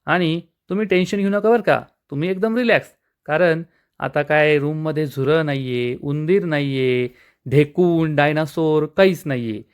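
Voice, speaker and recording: A man voicing a flustered young husband who protests quickly and pleads, exasperated. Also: fairly high pitch, smooth, natural voice.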